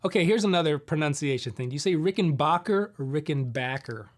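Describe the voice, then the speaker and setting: Casual middle-aged male streamer, somewhat higher voice, rambling and easygoing, close desk mic. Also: fast. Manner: relaxed, rambling, answers viewer questions with fillers. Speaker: host of a live guitar Q&A stream. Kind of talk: casual live-stream chat.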